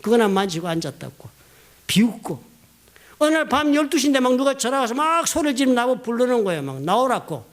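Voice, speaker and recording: A middle-aged man from South Korea, a pastor preaching a sermon in a church, telling personal stories with lively emphasis. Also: fairly quick. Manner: storytelling, animated, rising emphatic pitch, quoting others. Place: church sanctuary.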